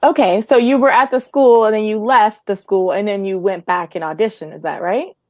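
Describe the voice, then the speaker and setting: A woman's voice: mid-range voice, normal speed, a little mellow, no echo, studio quality. Theatrical enthusiastic female host. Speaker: podcast host. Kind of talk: interview introduction and chat.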